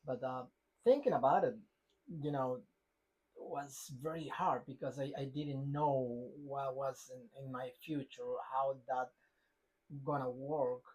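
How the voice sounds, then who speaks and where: A man from Ecuador with an Ecuadorian Spanish accent, co-hosting a podcast in halting, unhurried casual chat. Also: medium pitch, darkish tone, husky, poor audio. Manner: halting, many fillers and restarts, non-native phrasing. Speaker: podcast co-host.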